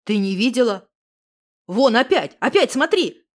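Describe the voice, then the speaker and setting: A woman voicing a nervous young man who talks low, anxious and insistent. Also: lively intonation, normal speed. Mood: worried.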